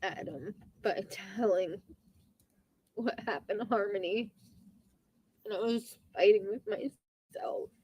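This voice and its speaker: A woman on the witness stand under courtroom examination, giving brief, plain, halting answers to questions. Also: medium pitch, breathy edge, highs cut off. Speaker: witness testifying.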